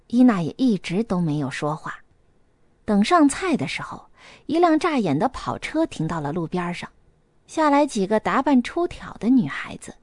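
A woman narrating a story in a lively, colloquial way, voicing each character. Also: on the high side, no echo, studio quality.

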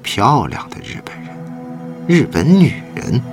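A man's voice: mid-range voice, huge pitch swings, unhurried. A man voicing a sneering, greedy kidnapper who mocks his captive with jeering laughs, over background music. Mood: mocking.

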